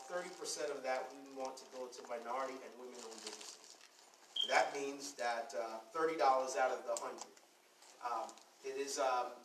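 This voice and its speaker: Brief: man from Guyana, city official addressing a room, chatty delivery with lots of fillers, distant mic, echoey hall, background noise. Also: medium pitch. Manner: conversational, with many fillers and repeated words. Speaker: city official presenting to business owners. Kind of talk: public presentation. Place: consulate meeting room.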